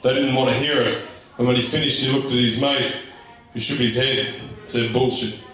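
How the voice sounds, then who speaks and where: A man's voice: mid-range voice, steady tone, normal speed, fairly bright tone. A man delivers slam poetry in a very echoey venue, picked up from a distance. His delivery is rhythmic and theatrical, like storytelling on stage. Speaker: slam poet, competitor. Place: live event in a reverberant venue. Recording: very echoey hall, distant microphone.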